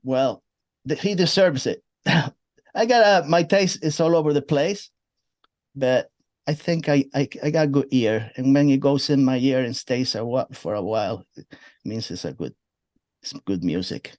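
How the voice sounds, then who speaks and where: A man's voice: medium pitch, a little slow, a little mellow, no echo. A man hosting an interview who asks long, meandering questions with many fillers. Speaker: interview host. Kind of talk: casual interview.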